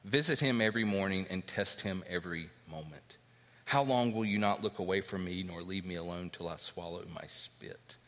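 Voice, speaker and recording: A man's voice: normal speed, a bit bright. A man preaching a sermon, reading scripture aloud and explaining it, his voice lifting for emphasis. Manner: expository preaching, reads scripture aloud, rises in pitch for emphasis. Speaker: pastor. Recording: long hall reverb.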